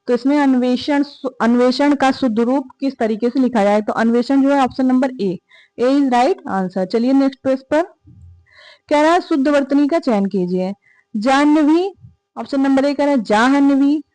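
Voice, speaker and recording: Woman teacher, exam prep lesson, drills answers, fairly high voice, dry close sound. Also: warm tone, dry recording. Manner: repetitive, drilling questions and answers aloud.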